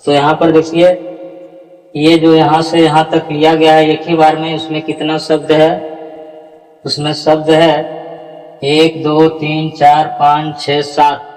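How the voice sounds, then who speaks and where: A man teaching the correct pronunciation of scripture verses, chanting them slowly, syllable by syllable, and correcting others' mistakes. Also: fairly high pitch, level tone, a little mellow, in a large hall, faint music behind, low-quality recording. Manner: slow, deliberate, drawn-out syllable-by-syllable chanting of verses. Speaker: Gita recitation teacher. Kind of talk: slow explanatory lesson on Sanskrit pronunciation.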